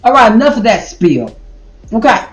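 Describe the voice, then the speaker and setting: A middle-aged woman, chatting casually to her viewers as she browses and reacts out loud. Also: a little high, moderate pace. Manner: animated, exclaims and talks to viewers as y'all. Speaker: vlogger. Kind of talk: casual vlog commentary while browsing online. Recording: echoey room with faint music.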